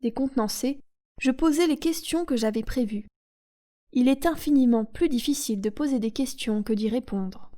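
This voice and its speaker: A woman reading a novel aloud in a calm, soothing audiobook narration. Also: high-pitched, moderate pace. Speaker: audiobook reader.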